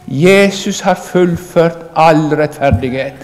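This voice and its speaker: A man delivers an earnest, emphatic sermon and speaks straight to his listeners. His voice sits a little high for a man. It carries a long hall reverb. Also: darkish tone. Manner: earnest, emphatic preaching, addressing the congregation directly. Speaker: preacher.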